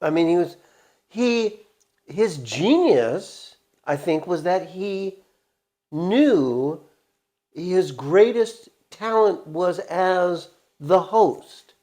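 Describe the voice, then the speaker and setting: A middle-aged male co-host talks casually and reminisces. His delivery is slow, with very lively swings in pitch.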